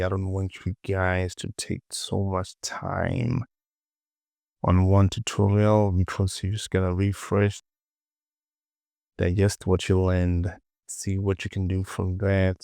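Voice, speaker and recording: Close to the mic, a man with a low, creaky voice walks through a casual software tutorial, informally talking himself through the work and often repeating words. There's no echo.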